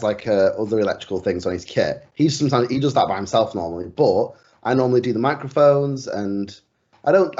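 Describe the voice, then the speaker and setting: A man's voice: medium pitch, darkish tone, dull audio. A man co-hosting a casual band podcast, rambling with restarts and frequent giggles, recorded at home on a secondhand microphone. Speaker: podcast co-host. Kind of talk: casual chat. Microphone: secondhand desktop microphone.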